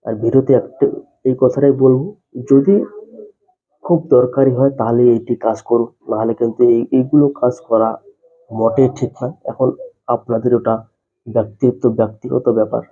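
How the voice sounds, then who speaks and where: In a mid-range voice with a flat delivery, a male tech tutorial host narrates a phone guide step by step at normal speed, leaving long pauses. He addresses viewers directly and repeats his explanations, with a muffled, dull, lo-fi voice-over.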